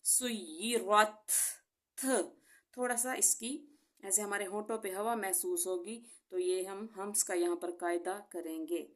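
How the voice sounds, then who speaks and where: Lady teaching quran recitation, patient, explains then says each word real slow and clear. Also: mid-range voice, fairly even intonation, darkish tone. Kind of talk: step-by-step recitation lesson.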